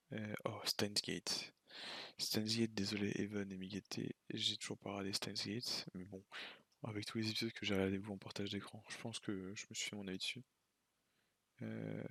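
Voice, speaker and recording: Gravelly, husky young-sounding man rambling casually. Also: fairly low pitch, sharp tone, no echo. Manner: offhand, slangy, rambling. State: tired late at night. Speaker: YouTuber ranking anime. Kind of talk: casual tier-list commentary.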